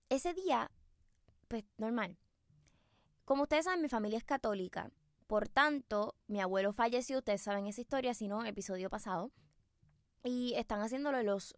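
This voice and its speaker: A woman's voice: on the high side, vocal fry, no room sound, clean studio sound. A woman hosting a podcast, telling a story casually and chattily with many fillers and asides to her listeners. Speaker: podcast host.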